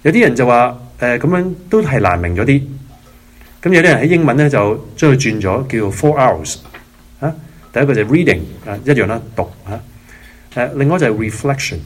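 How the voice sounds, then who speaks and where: Male speaker for a spoken faith lesson, mid-pitched, leans on rhetorical questions and drops in English words. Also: expressive, a little fast. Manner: asks the listeners rhetorical questions; mixes English words into Cantonese. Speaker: leader of a prayer and Bible-reading session. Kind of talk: spoken religious teaching.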